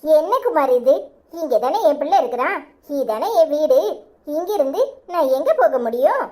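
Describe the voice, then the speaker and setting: A woman's voice: high-pitched, animated, moderate pace, darkish tone. A woman voicing a trusting young wife in a cartoon, with a Tirunelveli Tamil accent and an earnest, sharply scolding manner. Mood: worried. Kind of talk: cartoon voice acting.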